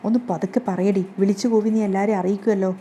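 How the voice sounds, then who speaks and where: A woman reads a haughty middle-aged lady of the house, scheming and scolding her maid sharply. The lines come quick and mellow, with faint hiss behind. It stays near the reader's own voice. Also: medium pitch, little pitch movement, natural voice.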